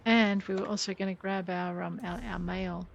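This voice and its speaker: Chatty woman gamer with a creaky voice. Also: lowish voice, level tone, normal speed, highs cut off. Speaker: gaming video host playing in character. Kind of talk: playful game commentary, talking to self.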